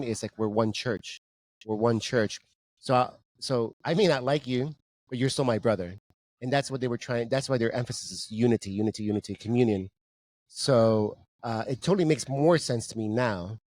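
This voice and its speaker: A man from Peru, raised in New Jersey, speaking as a podcast guest in a casual faith chat, reflective and measured as he thinks aloud. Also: mid-range voice, darkish tone, no room sound.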